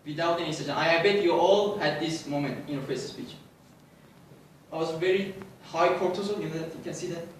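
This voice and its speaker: A man's voice: fairly high pitch, a little fast, a little hiss or hum. A young man gives a prepared personal speech at a club, asking the audience questions and restarting phrases as he goes. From Pakistan. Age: 20s. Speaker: club speaker. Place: club meeting room. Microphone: distant mic. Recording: very echoey room, distant mic.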